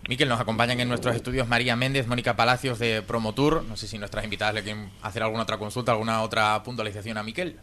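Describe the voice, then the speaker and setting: A man's voice: lowish voice, steady tone, very fast, few pauses, pushed and bright, slight background noise. A man hosting a radio interview, asking long, winding questions. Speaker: radio host.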